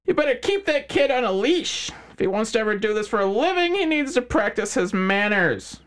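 A man voicing a sadistic, mocking male crime boss with a high-pitched, squealing voice. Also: sing-song, brisk, fairly bright tone, clear, resonant tone. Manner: mocking, smug and menacing.

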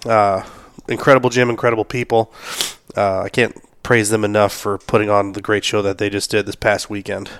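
A man's voice: on the low side, flat delivery, fairly quick, a little hiss or hum. A man hosting a solo podcast recap, sick and losing his voice, talking casually with many fillers and the odd cough. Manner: casual, lots of fillers, shout-outs. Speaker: podcast host.

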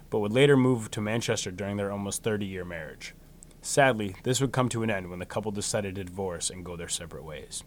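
A man hosting a true crime podcast, reading a scripted story in a solemn, measured way, with phrases that trail downward. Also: lowish voice, slight background noise. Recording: music behind the voice. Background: music bed.

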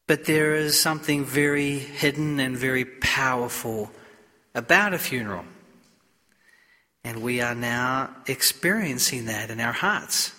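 A man speaking as a priest at a funeral, solemn and measured, in short deliberate phrases, with the cathedral-like echo of a large church. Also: mid-range voice, bright, forceful tone. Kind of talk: solemn gospel reading and funeral homily.

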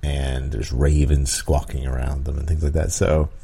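Guy with a really deep mellow voice rambling about running games, lots of ums and little laughs. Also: flat delivery, normal speed, gravelly, slightly rough. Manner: rambling, chuckles often, many ums and restarts. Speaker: podcast host and dungeon master. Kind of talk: casual advice talk.

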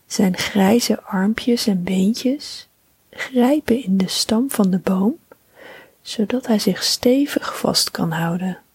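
Slow, whispering woman telling a bedtime story. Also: medium pitch, slightly rough, no echo. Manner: slow, soothing, calm.

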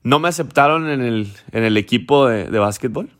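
A man's voice: mid-range voice, normal speed, fairly bright tone, smooth, natural voice. A man voicing an angry, determined teenage boy who has been rejected and vows to prove everyone wrong. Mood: hurt. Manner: defiant, vowing to prove others wrong.

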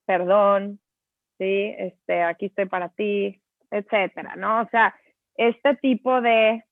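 With a Mexican Spanish accent, a woman co-hosts a laid-back conversation, telling animated stories and using many fillers. Her voice is medium-pitched. The recording is tinny and phone-like, dry and without echo.

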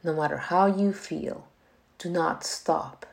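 A woman voicing a sweet, kind termite queen who speaks gently and teasingly to a child, in a slow, low storytelling voice with some vocal fry. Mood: encouraging.

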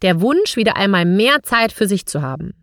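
A woman's voice: mid-range voice, very animated, moderate pace, a bit bright, dry recording, clean studio sound. A woman hosting a podcast, speaking straight to the listener in a scripted monologue full of rhetorical questions. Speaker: podcast host.

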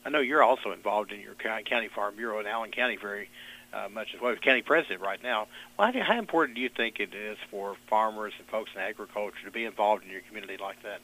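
A man's voice: lowish voice, quick pace, sharp tone, low-quality recording. A man, asking conversational questions as a radio interviewer.

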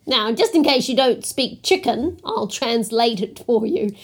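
Kiwi lady kids storyteller, slow and high voice, dramatic gasps, coaxing questions. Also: expressive, slightly rough. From New Zealand. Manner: theatrical, gasping, coaxing questions. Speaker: children's storyteller and host. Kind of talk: interactive storytelling for young children.

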